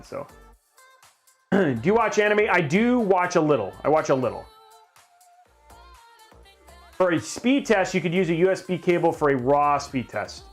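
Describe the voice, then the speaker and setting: A middle-aged man hosting a live stream, chatting casually and rambling, often restarting his sentences as he reads viewer questions. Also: a little high. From grew up in Japan. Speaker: livestream host.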